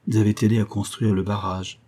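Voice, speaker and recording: A man reading a literary travel story as an audiobook narrator, in a measured storytelling manner. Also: fairly low pitch, little pitch movement, mellow.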